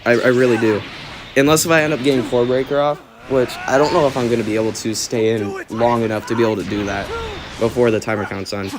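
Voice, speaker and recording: A man's voice: medium pitch, steady tone, quick pace, noisy background. A man livestreaming a video game with casual, slangy frat-bro commentary. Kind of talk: casual live gaming commentary.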